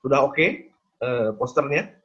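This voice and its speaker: A man's voice: medium pitch, slow pace, a bit bright, muffled recording. A man giving an interactive design lecture on a video call, quizzing his audience with casual tag questions.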